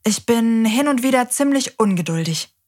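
Breathy kids show host lady, cheerful and reassuring, talks right to the kids. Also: on the high side, animated, normal speed, darkish tone. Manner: cheerful and reassuring, addresses children directly. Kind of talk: children's show presenting.

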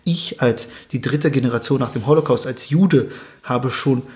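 A young man from Germany, speaking as an interview guest in a thoughtful, measured way with occasional hesitations. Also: mid-range voice, a little mellow. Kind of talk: earnest interview conversation.

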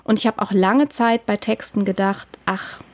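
A woman's voice: medium pitch, steady tone, moderate pace, a little mellow. A woman songwriter answering interview questions, explaining her craft thoughtfully and at length with examples. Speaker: songwriter and singer.

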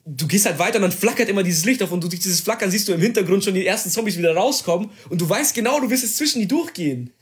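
A young man in casual chat, telling a story with excitement, slang and swearing. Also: high voice, very fast.

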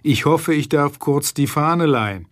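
A man's voice: on the high side, unhurried, lightly acted. A man reading the lines of a blunt police inspector in a terse, matter-of-fact way. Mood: dry.

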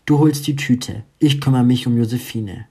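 A man voicing a calm new schoolgirl who gives steady, reassuring instructions. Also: medium pitch, moderate pace, breathy edge, natural voice.

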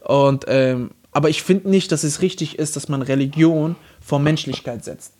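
A man co-hosting a casual debate chat, joking and animated, often talking over his partner. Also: a little high, moderate pace, slight background noise. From Palestinian roots. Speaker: co-host, comedian.

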